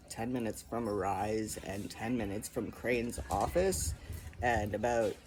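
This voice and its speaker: A man's voice: fairly low pitch, a little mellow, a little hiss or hum. A young man casually telling a rambling personal update from home, full of ums and likes. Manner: rambling, filler-heavy storytelling. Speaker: vlogger. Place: home, indoors. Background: faint animal noises.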